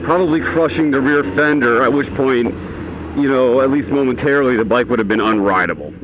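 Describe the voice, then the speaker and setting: A man with a mid-pitched voice speaks from inside a motorcycle helmet while riding. His delivery is casual and rambling, like an offhand vlog. Clear engine, wind and traffic noise runs behind his voice. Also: fairly quick, low-quality recording. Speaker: motorcycle vlogger.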